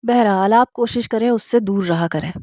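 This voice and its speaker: A flattering young man with a persuasive way of talking, as a woman narrator voices him. The voice is mellow and sits at a middle pitch. It is recorded close and dry for a storybook reading. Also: no room sound, natural voice.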